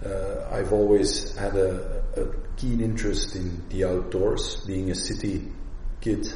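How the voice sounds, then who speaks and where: A man from the Flemish part of Belgium with a Flemish accent, answering interview questions in a thoughtful, halting way with many fillers and restarts. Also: sits low, fairly even intonation, a little mellow, slight background noise. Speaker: guest, agency director. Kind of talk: radio interview. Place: office. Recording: roomy distant office recording.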